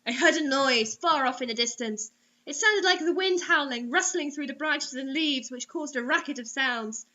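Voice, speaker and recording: The story comes through a dull lo-fi recording, read dramatically by a woman who hosts readings of bad online fiction. Her high voice is bright and forceful at a normal pace, and she keeps breaking in with mocking, sarcastic asides in a theatrical manner.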